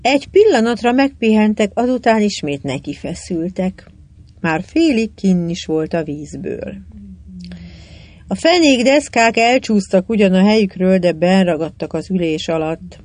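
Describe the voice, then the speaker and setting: An audiobook narrator reading a children's adventure novel in an even storytelling manner. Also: mid-range voice, no room sound. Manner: even storytelling, lively in dialogue.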